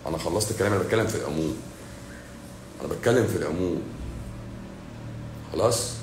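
Egyptian man, doctor on a live stream, rapid-fire, blunt and mocking, echoey room. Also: low-pitched, noisy background. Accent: Egyptian Arabic. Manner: blunt, sarcastic, scolding. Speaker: doctor hosting a livestream. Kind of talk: livestream answering viewer comments.

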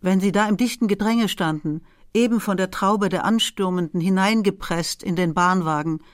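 A woman giving an expressive literary reading, voicing dialogue with feeling. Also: mid-range voice, normal speed, dry recording, clean studio sound. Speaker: literary reader.

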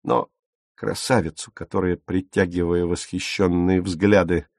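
A man narrating an audiobook in a measured, expressive reading, recorded close and dry. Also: low voice, gravelly, no room sound. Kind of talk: scripted narration.

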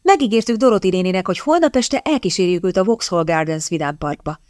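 A woman's voice: fairly low pitch, a little mellow, dry recording, clean studio sound, close to an everyday voice. A woman reading aloud as a tactless younger sister who blurts things out, in a storybook reading. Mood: blurting. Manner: blurting, exclaiming. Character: tactless bookish younger sister, a teenage girl.

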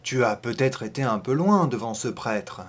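Brief: a man doing a meek, well-mannered husband, soft and slow, hesitant, audiobook. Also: medium pitch, expressive, close to an everyday voice. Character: timid hesitant genteel husband.

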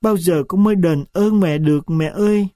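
A man's voice: high-pitched, normal speed, dark tone, no echo, studio quality, natural voice. A man voicing a grateful young woman who pleads tearfully with her mother.

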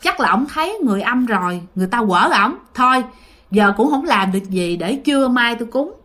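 A woman voicing a calm older female folk healer, matter-of-fact. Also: a little high, brisk.

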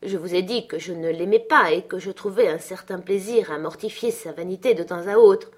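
A woman narrates a classic novel at an unhurried pace, her tone measured and even. She tells the story clearly, without putting on any character voice. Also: on the low side. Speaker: audiobook reader. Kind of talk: scripted literary narration.

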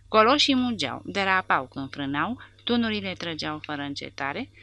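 A woman narrating a war novel audiobook with a dramatic, expressive reading. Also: deep voice.

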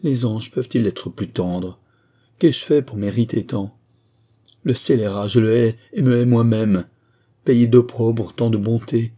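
A man's voice: medium pitch, unhurried, mellow, lightly acted. A man voicing a distraught young woman who pleads tearfully in an audiobook reading. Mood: despairing.

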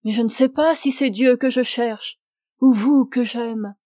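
A woman's voice: fairly high pitch, steady tone, a little slow, mellow, dry recording, studio quality, close to an everyday voice. Fanny, a troubled, trembling young woman, read by a woman. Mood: overwhelmed. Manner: agitated, questioning, emotional.

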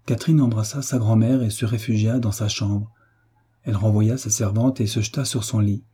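A man reading a novel aloud as an audiobook narrator, gentle and measured, lifting his voice slightly for the characters. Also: fairly low pitch, fairly even intonation, slightly rough. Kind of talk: scripted narration.

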